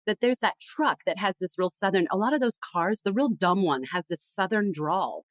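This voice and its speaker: A woman guest on a podcast interview talks about communication in an emphatic, expressive way, telling stories with lots of energy. Her mid-range voice moves at a normal speed, and the dry recording has poor audio quality.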